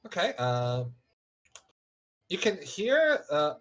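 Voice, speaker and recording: A man narrating a tabletop game as game master, improvising haltingly and searching for words. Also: high-pitched, huge pitch swings, a bit bright, a little hiss or hum.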